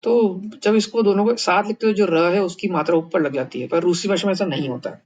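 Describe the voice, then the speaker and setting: A man's voice: sits high, fairly quick, darkish tone. A man from India teaching how to write words in a new alphabet, thinking aloud with fillers and restarts. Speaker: language teacher. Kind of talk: explaining a writing lesson.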